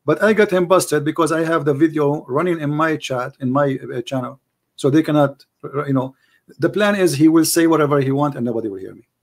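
Briskly and with a slightly high voice, an Arabic-speaking host of a call-in debate show presses his arguments hard. He repeats himself frequently, and his grammar is non-native.

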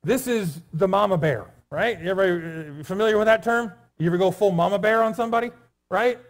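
Higher-voiced man preaching a casual sermon. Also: fairly quick. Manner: conversational preaching, jokes and asides to the congregation. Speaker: pastor. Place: church sanctuary.

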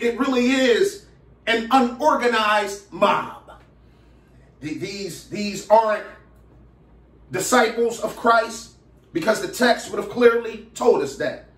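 A man's voice: high-pitched, echoey room, far from the mic. A man preaching a sermon as pastor, often repeating his first words and building rhythmic runs of phrases. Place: church in Philadelphia.

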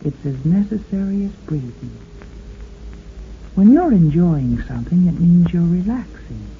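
A woman's voice: fairly low pitch, expressive, slight background noise. An American woman playing an affectionate, lonesome radio sweetheart, coaxing her man in an intimate 1950s monologue. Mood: tender, soothing. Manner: slow, intimate, coaxing, crooning endearments. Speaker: radio host and companion. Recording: muffled 1950s radio recording, organ music. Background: organ music.

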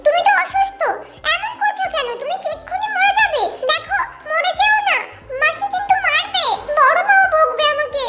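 Brief: woman playing a bratty little village girl for an audio story, very high pitched, music bed behind. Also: normal speed. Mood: pouty childish. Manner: pouting, scolding, childish. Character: feisty chatty twelve-year-old village girl. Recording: background music under the voice.

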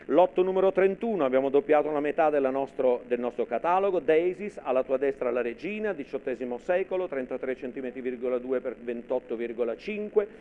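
A man's voice: mid-range voice, lively intonation, fairly quick, few pauses. Phone-like recording of a male auctioneer. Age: middle-aged. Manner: formal, repetitive counting of bids. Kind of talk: live televised auction calling. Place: dark television studio at a desk. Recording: narrow phone-like sound with faint noise.

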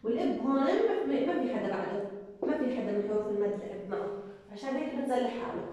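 A woman's voice: fairly high pitch, lively intonation, fast talker, dark tone, highs cut off. A woman teacher, patiently sounding out syllables in an early-grade reading lesson. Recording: echoey room from far off.

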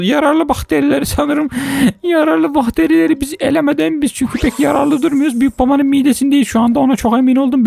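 A woman hosting a gaming video, giving excitable let's-play commentary, exclaiming often and talking straight to her viewers. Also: high-pitched, vocal fry, dry recording.

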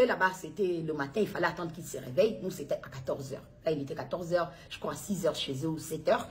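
A worried middle-aged mother from Congo, filmed at home on a phone, recounting events in a halting way with many restarts. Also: on the low side. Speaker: worried mother making an appeal. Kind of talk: personal appeal video. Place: home interior, indoors. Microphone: phone at arm's length.

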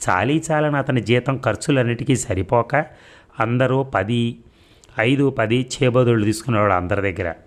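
A man narrating an audio story in a steady, measured reading. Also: medium pitch.

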